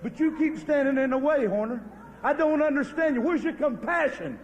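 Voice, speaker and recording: A man, a wrestling champion cutting a promo who pleads and then shouts out challenges. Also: very high-pitched, lively intonation, moderate pace, big-room sound, a little hiss or hum.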